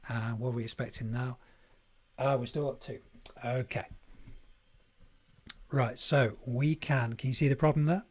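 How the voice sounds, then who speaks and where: A man hosting a live coding tutorial stream, thinking aloud in a deliberate way and chatting to viewers as he works. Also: mid-range voice, steady tone. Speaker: livestream coding host.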